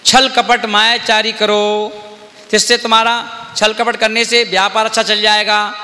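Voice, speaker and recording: A Jain monk giving a lively sermon. His high, bright voice rings through a large hall with a long reverb. He talks in repetitive, questioning phrases and acts out everyday scenes. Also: a little slow. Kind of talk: Hindi sermon. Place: dharmshala hall.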